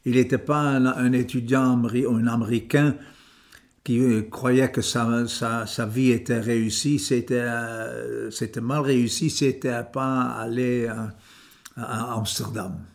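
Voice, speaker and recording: A man's voice: mid-range voice, level tone, measured pace, gravelly. An older man with a Dutch accent, a native Dutch speaker recalling his life in an interview, hesitating and restarting his words often. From Netherlands. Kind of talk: reminiscing interview.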